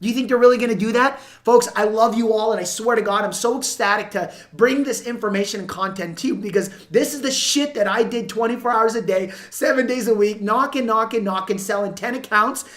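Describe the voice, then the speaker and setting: A woman's voice: on the high side, brisk, few pauses. A woman giving unscripted instructional commentary to viewers as a sales coach, emphatic and repeating key points. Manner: emphatic, repeats points, acts out example dialogue. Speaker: sales coach and video host.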